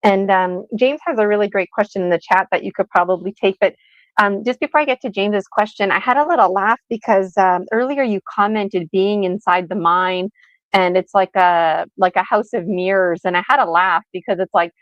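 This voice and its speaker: A woman's voice: mid-range voice, moderate pace, no room sound. A woman hosts a podcast over a video call and chats loosely, rambling and laughing at herself. Her audio is a little muffled and lo-fi, with a dry, close sound. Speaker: podcast host. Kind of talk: casual chat on a live video podcast.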